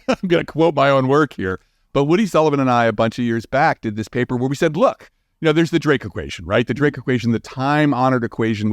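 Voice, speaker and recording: This astrophysicist and author, a guest expert in an interview, speaks at a medium pitch. The studio recording is clean with no room sound. His explanations are informal and emphatic, frequently punctuated by a checking-in "right?"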